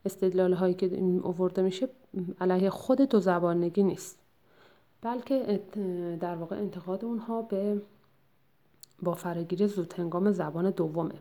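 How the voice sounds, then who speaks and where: In a low, mellow voice, a woman delivers a lecture on a textbook chapter. Her explanations are measured, broken up by frequent filler pauses and restarts while she searches for wording.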